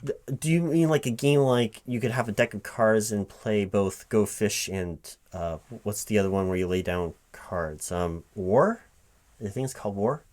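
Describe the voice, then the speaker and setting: Keys tap on a computer keyboard as a man acts out a recruiting manager in a one-sided ASMR job interview. He's hesitant and confused, frequently repeating details to verify them, and his pitch sits fairly low with a darkish tone.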